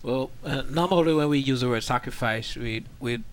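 Man from Jamaica, relaxed panelist, casual explanation. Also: medium pitch, normal speed. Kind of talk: casual discussion.

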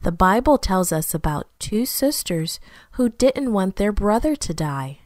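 A woman reads a Bible story to children at an unhurried, careful pace, giving each line plenty of expression. Her voice sits in an ordinary middle range and sounds close and dry, with no room around it. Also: mid-range voice, no room sound. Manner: slow, careful, expressive reading.

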